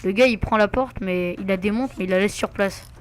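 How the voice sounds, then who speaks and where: A man's voice: high voice, fairly quick, clear, resonant tone. A man giving casual gameplay commentary, muttering to himself with asides and mild swearing. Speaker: let's play gamer.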